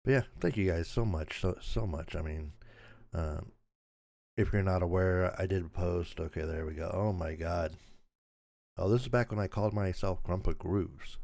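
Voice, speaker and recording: An older man hosting a casual livestream, his voice raspy from a recent sore throat, rambling easily and laughing at himself. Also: low voice, normal speed, a little mellow, no room sound. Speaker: channel host.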